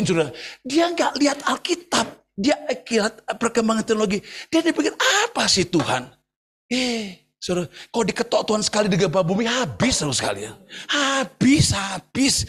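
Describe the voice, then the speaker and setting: A man preaching a sermon to an online congregation in an animated, joking way, often asking the listeners whether they agree. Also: high-pitched, gravelly, slightly rough. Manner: animated and joking, asks the congregation "betul nggak?". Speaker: pastor. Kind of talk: sermon at an online church service.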